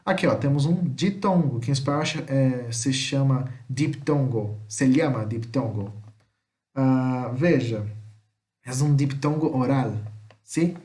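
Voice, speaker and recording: A man's voice: medium pitch, warm tone. Brazilian male teacher in an echoey room. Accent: Brazilian Portuguese. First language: Portuguese. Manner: repeats words slowly, checks in with "tá?". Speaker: Spanish teacher. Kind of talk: recorded vocabulary lesson.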